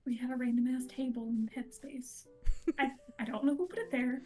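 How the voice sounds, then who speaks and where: A woman from the Deep South chatting casually as a guest with brief remarks. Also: fairly even intonation, brisk, a little mellow, soft background music. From Deep South, USA. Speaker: guest on a stream. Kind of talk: casual chat.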